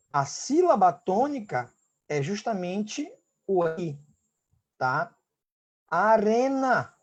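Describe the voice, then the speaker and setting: A Brazilian man teaching an online Spanish class, explaining step by step and checking in often with his students. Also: high-pitched. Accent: Brazilian Portuguese.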